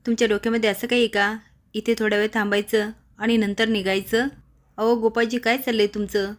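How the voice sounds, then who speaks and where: A woman's voice: on the high side, flat delivery, brisk, lightly acted. A woman voicing a frightened young woman who keeps pleading with her companion. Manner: pleading, anxious.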